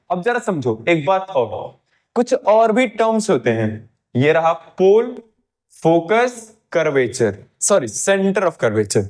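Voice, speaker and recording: Slow, playful male science teacher. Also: on the high side. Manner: playful, talks to light rays as if they were people; coaxing, repeats words in quick runs. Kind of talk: animated classroom lecture.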